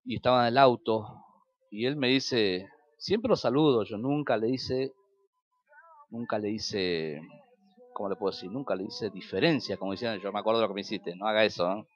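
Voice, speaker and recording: A man's voice: fairly low pitch, moderate pace, dry recording, dull audio. A man with an Argentine Spanish accent preaching a sermon as pastor, telling stories and acting out quoted dialogue with sudden rises and drops.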